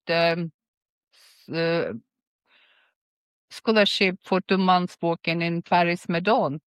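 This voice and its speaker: Ukrainian lady in her 50s, kinda low smooth voice, lots of ums. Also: a bit bright, no echo. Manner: hesitant with many fillers. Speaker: guest scientist. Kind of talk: interview answers, recounting career.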